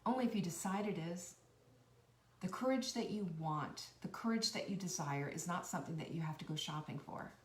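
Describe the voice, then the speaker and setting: Earnest motivational woman in an echoey room. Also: a little fast. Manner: earnest and encouraging, preachy cadence with repeated phrases; animated, swinging between high bursts and soft near-whispers. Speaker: host of a cooking and life-tips channel. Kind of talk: motivational talk to camera. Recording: roomy echo, a bit far from the mic.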